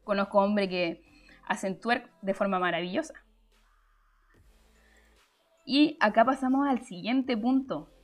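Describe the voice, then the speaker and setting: A woman's voice: mid-range voice, normal speed, soft background music. A young woman hosts a live stream, explaining her points chattily and answering the chat, with frequent fillers and restarts.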